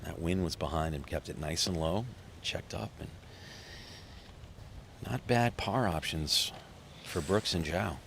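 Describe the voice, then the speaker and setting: A man's voice: low voice, a little slow, gravelly, pauses often, a bit bright, slight background noise. A man hosting and giving live golf commentary as a broadcast commentator.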